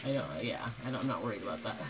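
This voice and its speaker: A woman's voice: very deep voice, lively intonation, racing, noisy background. A young woman chatting casually on a livestream from her kitchen into a phone, rambling with constant "like" fillers and blunt swearing.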